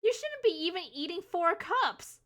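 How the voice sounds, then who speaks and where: A woman's voice: very high-pitched, sing-song, normal speed, fairly bright tone. A young adult woman hosting a live stream, chatting casually and teasing, laughing often. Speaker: livestream host.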